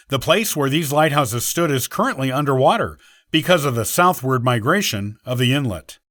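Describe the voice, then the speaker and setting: A man reads a scripted history piece in a steady, prepared delivery. His voice sits a little high and moves in lively swoops of pitch. The sound is dry and close, with no room around it. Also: no echo. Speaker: podcast host.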